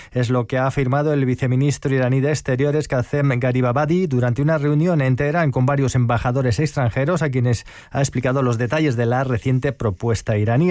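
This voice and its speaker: Male news anchor, formal and measured, dead-dry studio sound. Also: mid-range voice, a little mellow, no room sound. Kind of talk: scripted news reading. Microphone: studio microphone.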